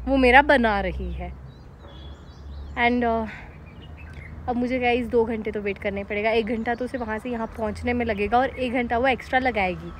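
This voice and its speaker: A young woman with a sore throat and a hoarse voice, chatting fast to the camera in a casual vlog, recorded without a mic. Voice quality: hoarse, lower than usual. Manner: fast, chatty, mixing English into her talk. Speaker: vlogger. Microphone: no mic, phone camera. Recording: no mic, faint background noise.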